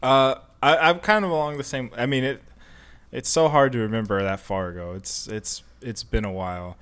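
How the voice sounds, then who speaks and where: Easygoing young podcast host, smooth voice. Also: male voice, medium pitch, moderate pace, a bit bright. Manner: easygoing, full of fillers and restarts when telling stories. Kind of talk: casual chat.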